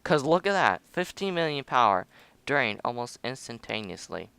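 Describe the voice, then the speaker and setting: A man's voice: mid-range voice, sing-song, moderate pace, gravelly, bright, forceful tone, clear, resonant tone. A young man casually commenting on his own space game footage, rambling, humming and joking at himself. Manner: rambling, self-mocking, hums and mutters to himself. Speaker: gameplay video host.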